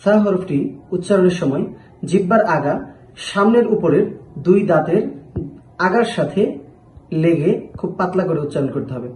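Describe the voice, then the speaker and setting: A man's voice: high voice, lively intonation, normal speed, pauses often, a little mellow, roomy sound, a little hiss or hum, rough recording. A man giving a patient pronunciation lesson, drawing out each letter sound as he demonstrates it. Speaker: Arabic letter teacher.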